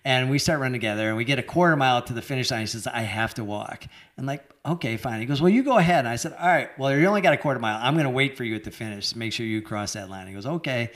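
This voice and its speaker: A man's voice: medium pitch, racing, hardly any pauses. Older guy telling marathon stories, laughs a lot, acts out quotes, casual chat. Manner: animated storyteller, voices quoted people, laughs often. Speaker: interview guest, former marathon runner. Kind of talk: casual storytelling interview.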